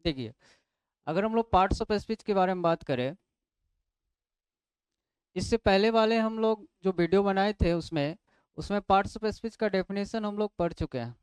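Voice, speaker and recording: Guy teaching grammar, high clear voice, dry close sound. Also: measured pace, pauses often, no echo. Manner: explains step by step, asks and answers his own questions. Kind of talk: classroom lecture.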